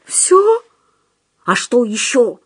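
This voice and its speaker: A woman's voice: a little high, big pitch swings, extremely slow, husky, no room sound, studio quality, pitched above the performer's own voice, heavily acted. A woman voicing a timid, frightened young male psychiatric patient who whimpers shrilly on the edge of tears.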